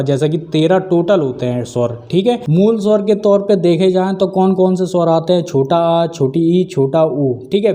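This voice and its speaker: A man's voice: on the high side, dark tone. Man teaching with constant "theek hai". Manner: repeats "theek hai" constantly, asks and answers his own questions. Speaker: Hindi exam-prep teacher. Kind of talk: video lesson explaining grammar.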